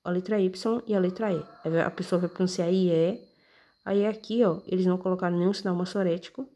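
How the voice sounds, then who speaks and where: A woman explains scripture casually and conversationally, often checking in with her listener and pointing at the text as she reads. She talks fast, with a lowish, dark voice and fairly even intonation.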